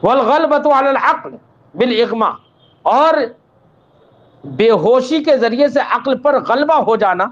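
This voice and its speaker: A man's voice: very high voice, expressive, long pauses. A man teaching an Islamic law lesson. He recites Arabic text, then explains it patiently, calls the students "child" and checks that they understood. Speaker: religious teacher. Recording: dull lo-fi recording.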